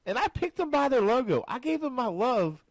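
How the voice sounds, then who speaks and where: Hombre animado charlando de deportes. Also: male voice, moderate pace, no echo. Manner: animated, jokey, swings pitch high when excited. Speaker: podcast co-host. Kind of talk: casual sports chat.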